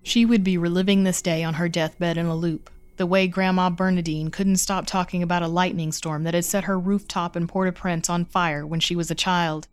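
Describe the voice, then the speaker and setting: A woman narrates a horror short story in a smooth, clear, lowish voice. Her reading is measured and suspenseful. The recording is dry and close, with no room echo. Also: fairly even intonation.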